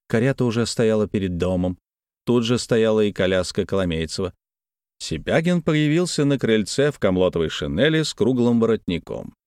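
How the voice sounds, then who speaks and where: A man narrates a classic novel in an expressive, measured audiobook reading. His voice moves widely and sounds close and dry, with no room around it. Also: on the low side, no echo.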